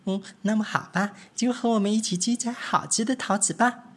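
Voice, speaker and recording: A man doing squeaky, chirpy little mice. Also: a bit bright. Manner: chirpy, cheerful, quick questions. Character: three chattering little mice, small and eager.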